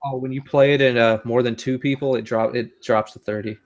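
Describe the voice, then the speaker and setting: Man, podcast co-host, casual gaming chat, profane, laughs a lot, average pitch. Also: fairly even intonation, a little fast, highs cut off. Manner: profane, joking, laughs often.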